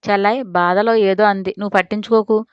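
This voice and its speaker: A woman's voice: medium pitch, fairly even intonation, brisk, smooth, no echo, dull audio, natural voice. A woman voicing a manipulative man who coaxes his sister in a storybook drama. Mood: coaxing. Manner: coaxing and sly. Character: scheming manipulative older brother.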